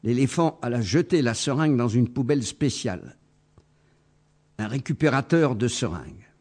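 Husky man, slow, lively storybook reader. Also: mid-range voice. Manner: lively expressive reading. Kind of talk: reading a children's tale aloud.

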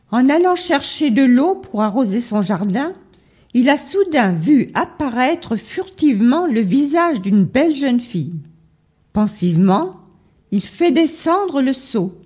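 A woman reading a children's tale aloud in a soft, lilting way. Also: high-pitched, slightly rough. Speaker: storyteller.

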